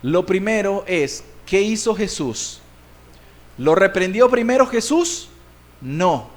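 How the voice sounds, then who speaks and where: A man from Nicaragua preaching a sermon as pastor, swinging between loud and soft delivery and drawing out key words slowly for emphasis. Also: sits high, lively intonation.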